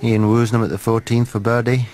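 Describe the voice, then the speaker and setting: A middle-aged man commentates on golf shot by shot. He speaks in short, measured phrases at a medium pitch. There is clear outdoor ambient noise behind his voice. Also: level tone, a little mellow. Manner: terse, measured, clipped phrases. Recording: noisy outdoor broadcast ambience.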